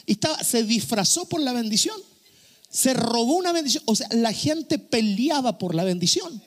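A man preaching a sermon, repeating his key phrases with emphasis and rising to shouts. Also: very high voice, animated, normal speed. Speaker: pastor.

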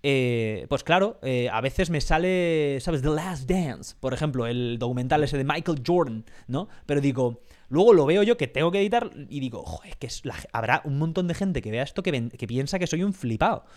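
A man's voice: fairly high pitch, lively intonation, moderate pace. A man hosting a casual podcast interview, rambling and frank, swearing casually. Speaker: podcast host.

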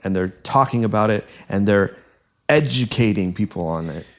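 A man's voice: fairly low pitch, expressive. Laughing storytelling podcast man. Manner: storytelling, laughs often, quick asides. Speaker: podcast co-host. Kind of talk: casual podcast chat.

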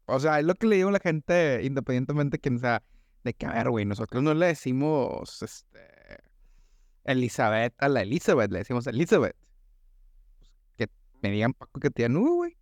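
A young man from Monterrey, with a northern Mexican accent, co-hosts a casual podcast, rambling in slang and saying "güey" constantly. His medium-pitched voice is very animated and brisk, captured in a dry, studio-quality recording.

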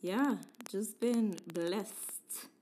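A woman's voice: medium pitch, drawn-out words, dark tone, slight background noise. A woman co-hosting a casual chat show, chatty and playful, often laughing and leaning on words for emphasis. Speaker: podcast co-host.

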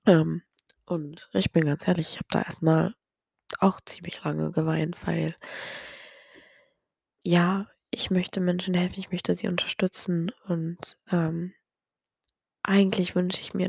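A young woman hosting a podcast, talking softly and partly whispering late at night, teary and hesitant with a dry throat. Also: lowish voice, level tone, takes it slowly, vocal fry, pauses often, slightly rough, no room sound. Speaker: podcast host. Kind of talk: personal late-night confessional monologue.

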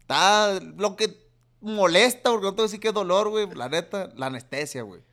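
Fast-talking man with a high voice. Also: a bit bright. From Mexico. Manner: slangy, crude, joking storyteller. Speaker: podcast host. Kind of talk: casual chat.

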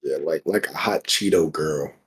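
A man's voice: very deep voice, normal speed, slightly rough. A man as a podcast guest, chatting casually in a laid-back way and often agreeing. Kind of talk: casual chat.

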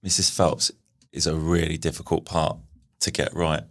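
A man who is a stage actor, a guest on a podcast, chatting casually, thoughtful and quick to laugh. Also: a bass voice, little pitch movement, gravelly, fairly bright tone.

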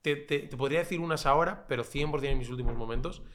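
A man with a Spain Spanish accent, a podcast guest chatting casually, relaxed and swearing freely. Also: mid-range voice, quick pace, a little hiss or hum. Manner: relaxed and chatty, swears freely, quotes others in lively voices. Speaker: podcast guest, food creator. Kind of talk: casual chat.

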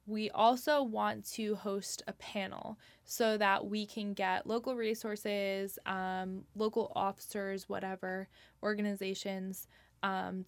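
Young woman w/ a gravelly creaky voice, chatty and casual, dry close sound. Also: mid-range voice, dry recording. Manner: chatty, many fillers and "like". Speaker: guest, nonprofit organizer. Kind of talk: casual interview talk.

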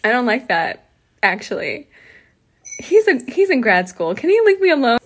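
A young woman chatting casually with a friend, soft-spoken and laughing often. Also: fairly high pitch, sing-song, moderate pace. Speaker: guest friend. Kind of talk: casual chat.

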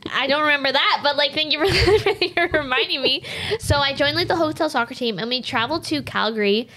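A woman's voice: high-pitched, brisk, bright, forceful tone, slight background noise. A woman in her late twenties co-hosting a podcast, rambling casually with constant fillers and the odd swear word. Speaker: podcast co-host. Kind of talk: casual chat.

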